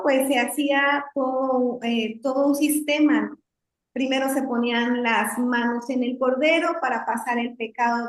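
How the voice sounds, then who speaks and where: A woman pastor with a high voice teaches scripture to a group on a video call. She explains patiently and keeps checking that her listeners follow. Her voice rings in an echoey room. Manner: explanatory, often adds "¿no?" and "entonces". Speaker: pastor leading a women's devotional.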